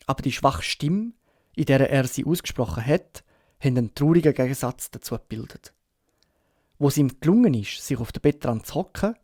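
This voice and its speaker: A Swiss German man narrating a classic novel as an audiobook, with steady storytelling. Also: mid-range voice, no room sound, studio quality. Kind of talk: scripted narration.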